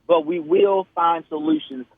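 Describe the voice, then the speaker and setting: A man running for office speaks over a tinny phone line. His voice sits slightly high, and his delivery is measured and earnest. At times he spells things out slowly. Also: steady tone, vocal fry, dry recording. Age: 30s. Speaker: political candidate, guest.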